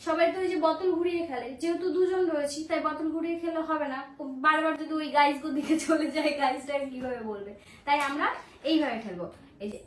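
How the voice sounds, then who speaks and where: Chatty high-voiced woman vlogger. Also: distant mic. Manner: chatty, teasing, explains at length. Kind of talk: casual vlog chat. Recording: echoey room with faint noise.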